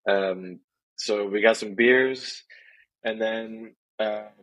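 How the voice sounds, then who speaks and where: A man's voice: fairly low pitch, fairly even intonation, drawn-out words, fairly bright tone, rough recording. A young man from Tijuana and San Diego, chatting casually as a podcast guest, rambling with many restarts. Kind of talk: casual chat.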